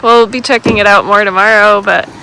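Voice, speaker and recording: A woman's voice: mid-range voice, steady tone, fairly quick. A woman hosting a vlog, talking casually as she narrates, in a noisy on-location recording. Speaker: vlog host.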